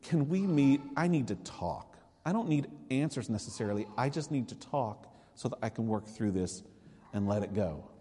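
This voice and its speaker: A male pastor delivers a sermon in an earnest, conversational way, driving points home with short emphatic urgings. His voice sits at an ordinary middle pitch and rings out with the long reverb of a church sanctuary. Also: expressive, normal speed, dark tone, breathy edge.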